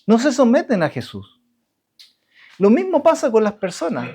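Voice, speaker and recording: Male preacher, high voice that jumps around a lot, stumbles and restarts, asks the crowd stuff. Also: wildly swooping pitch, a little mellow, breathy edge. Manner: halting, many restarts and fillers; rhetorical questions to the congregation. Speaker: pastor. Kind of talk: sermon.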